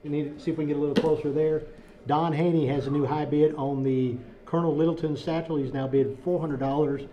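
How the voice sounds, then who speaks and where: A man co-hosting a live radio auction, briskly rattling off bid updates. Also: a little high, fairly even intonation, dull audio.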